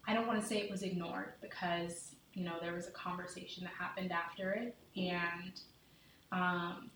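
A woman speaks in a low, earnest voice, choosing her words with care. Her heartfelt, deliberate talk is caught from a distance. The room rings with a heavy echo, and there is faint noise behind her. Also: level tone, a bit bright. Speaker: podcast guest, mother. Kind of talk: candid conversation.

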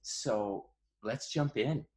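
A man's voice: mid-range voice, extremely slow, darkish tone. A man with an American accent co-hosting a podcast in casual talk. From Minnesota, US. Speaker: podcast co-host.

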